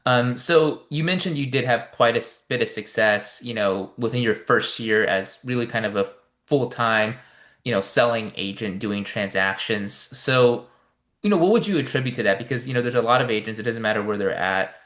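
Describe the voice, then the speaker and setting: A man's voice: medium pitch, normal speed, fairly bright tone. A man hosting an interview show, rambling through his questions with plenty of "you know". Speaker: podcast host. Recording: echoey room.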